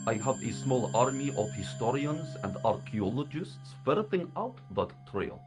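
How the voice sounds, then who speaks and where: A man voicing a fussy professor in a video game's secret order. His pitch rises and falls a lot as he gives wordy, defensive explanations. Music plays clearly behind him. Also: big pitch swings, normal speed, lightly acted.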